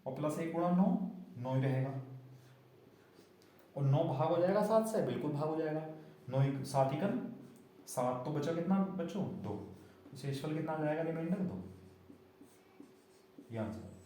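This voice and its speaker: A man's voice: fairly high pitch, animated, moderate pace, pauses often, dark tone, a little hiss or hum. A man teaching a maths lesson, explaining each step and often asking the class whether they understood. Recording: very echoey room.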